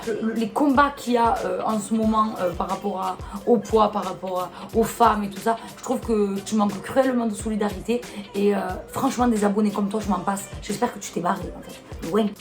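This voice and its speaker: Over music, this YouTuber speaks briskly in a mid-range voice with a Marseille accent. Chatting casually to camera, she fires back at comments bluntly and with exasperation, often using rhetorical questions.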